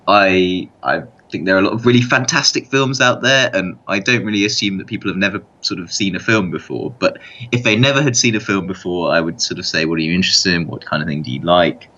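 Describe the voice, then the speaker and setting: A man talking in a measured way on a podcast, hedging often with "sort of" and "kind of". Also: low-pitched, pushed and bright. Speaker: podcast panelist. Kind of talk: casual podcast chat. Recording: dull lo-fi sound.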